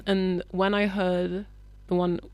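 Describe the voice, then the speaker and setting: A woman's voice: fairly low pitch, little pitch movement, takes it slowly, darkish tone, no echo. A young British woman, a musician guest, answering interview questions in a laid-back, hesitant way with lots of fillers.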